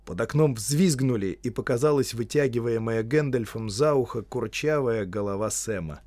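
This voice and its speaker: A man reading a novel aloud as audiobook narrator, with an expressive reading style. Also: mid-range voice, normal speed, no room sound. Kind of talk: scripted narration.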